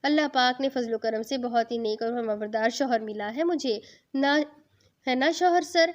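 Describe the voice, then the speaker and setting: A woman's voice: fairly high pitch, lightly acted. A woman doing a teasing young bride. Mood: playful teasing. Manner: chatty, playfully bossy. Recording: dull lo-fi.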